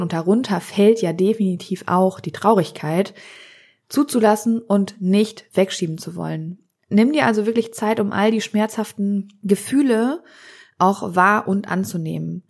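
A woman hosting a podcast, speaking calmly and earnestly in a reflective monologue. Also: mid-range voice. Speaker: podcast host.

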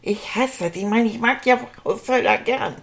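A woman's voice: on the high side, normal speed, gravelly. A woman voicing a lazy, bossy schoolboy who acts like a king, whining and demanding in a children's puppet comedy. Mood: whiny. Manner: whiny, demanding, sulky.

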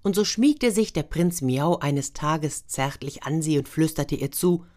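Low-voiced woman telling a fairy tale. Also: a little slow. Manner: gentle, expressive storytelling, brief voices for figures. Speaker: storyteller.

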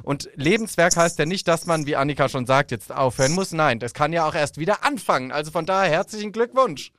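High, lively man in a dry recording. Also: brisk, no room sound. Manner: effusive, lively praise. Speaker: podcast host. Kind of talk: enthusiastic casual chat.

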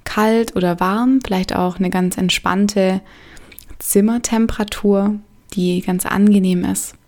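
A woman leading a guided meditation in a soft, soothing way, leaving gentle pauses between phrases. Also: medium pitch, fairly even intonation.

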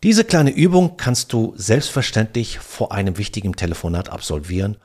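A man's voice: fairly low pitch, very animated, normal speed, a little mellow. A man hosting a podcast, coaching the listener on how to speak on the phone. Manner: coaching, addresses listener directly with exercises. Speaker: podcast host and sales coach. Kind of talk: instructive podcast monologue.

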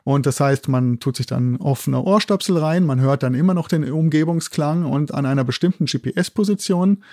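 A man from Germany, a university zoologist with a German accent, explains topics as an interview guest, hesitating often and leaning on tag questions. His fairly high voice is mellow and at normal speed, recorded cleanly in a studio with no echo.

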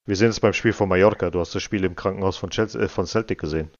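Calm man, football podcast co-host, low voice, dull lo-fi sound. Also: very fast, dry recording. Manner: calm, steering the conversation. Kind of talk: casual football chat.

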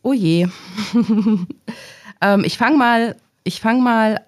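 A woman's voice: on the high side, extremely slow. A woman hosting a podcast who plays a curious student and thinks aloud while guessing answers. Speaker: podcast host. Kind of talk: podcast interview.

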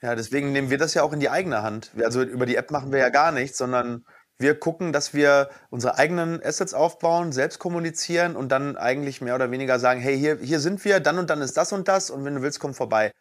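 A man's voice: mid-range voice, fast. A middle-aged man co-hosting a casual talk show, prompting the host with questions and tagging his lines with "ne?".

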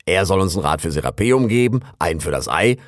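A boastful male raccoon chatters away in a storybook reading, as a man puts him on. The voice sits low but swings widely in pitch, recorded dry and close. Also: lively intonation, quick pace, dry recording. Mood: chatty. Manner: bragging, rambling, self-important. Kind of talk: audiobook character voice.

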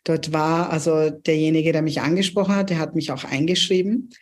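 A woman's voice: low-pitched, fairly even intonation, a little fast, darkish tone. A woman in her thirties, originally from Pakistan, telling her career story as a podcast guest in an earnest, reflective way with frequent hesitations. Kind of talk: interview storytelling.

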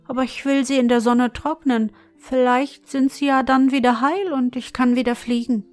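A woman voicing a cheerful, wistful little girl in a read-aloud fairy tale, speaking high and eager. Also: steady tone, normal speed, a little mellow, natural voice. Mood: sad, hopeful.

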